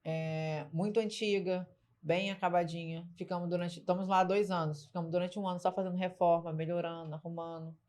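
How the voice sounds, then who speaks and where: A woman guest in a casual interview telling her story in a lively, frank way. She talks colloquially with slang and fillers, and often acts out what people said. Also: on the low side, a little fast. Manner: lively storyteller who acts out quoted dialogue. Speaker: interview guest, business owner.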